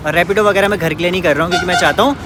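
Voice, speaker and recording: A man's voice: high voice, rapid-fire, background noise. A young man from Uttarakhand, India, chatting casually as he walks outdoors while vlogging. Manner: chatty and easygoing, thinking aloud. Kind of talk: casual walking vlog. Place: outdoors on a road, walking.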